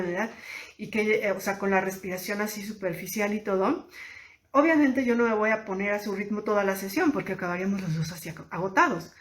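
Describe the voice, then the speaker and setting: A woman, a therapist giving a conversational teaching talk and asking her listeners questions directly. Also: medium pitch. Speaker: thanatologist and therapist. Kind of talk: informal teaching talk to camera.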